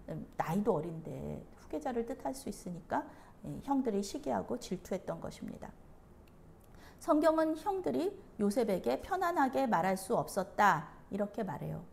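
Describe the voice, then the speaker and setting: Animated woman pastor preaching. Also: mid-range voice, creaky, slight background noise. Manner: animated storytelling, acts out the characters. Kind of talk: sermon.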